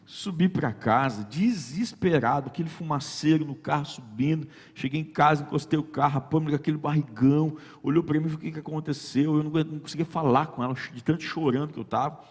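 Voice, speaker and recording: A man's voice: on the high side, fast, hardly any pauses, slightly rough. A man telling a personal faith testimony as a guest, acting out the dialogue in his story. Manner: lively storyteller who acts out quoted dialogue. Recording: long reverb.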